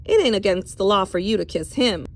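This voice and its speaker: A woman voicing a drunk, smug small-town sheriff with a slow, taunting drawl for a storybook. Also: mid-range voice, lively intonation, lightly acted. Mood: smug threatening.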